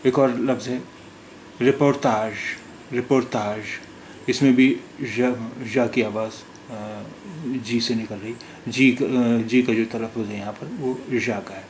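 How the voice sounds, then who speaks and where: A man gives a recorded language lesson at a middle pitch, sounding out each word slowly and repeating it several times. He pauses and hesitates often as he explains. A faint hiss of noise sits under his voice. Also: fairly even intonation, a little mellow. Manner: slow, careful pronunciation drills with many hesitations. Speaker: language teacher.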